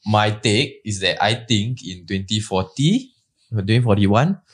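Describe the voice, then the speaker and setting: A man with a Singaporean English accent explaining property rules in a measured, explanatory way during a podcast discussion, slipping Malay words into his English. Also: on the low side, expressive. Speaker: property advisor guest.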